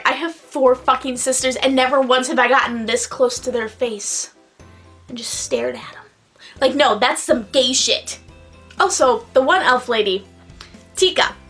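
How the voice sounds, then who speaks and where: Here a slightly tipsy woman reviews something on video, cursing casually in a high-pitched, somewhat bright voice. She rambles, exclaims often, and lengthens the words she emphasizes.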